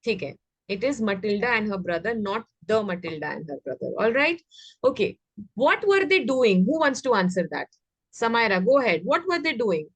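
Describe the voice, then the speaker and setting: Over an online video class, a woman with an Indian accent teaches English to small children, instructing and prompting them through repeated questions. She speaks fairly quickly in a mid-range voice with big pitch swings and a breathy edge, recorded dry.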